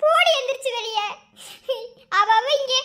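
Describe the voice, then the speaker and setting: A woman with a Madurai Tamil accent voicing young village women in an animated family cartoon, scolding in quick slang. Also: very high voice. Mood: bickering.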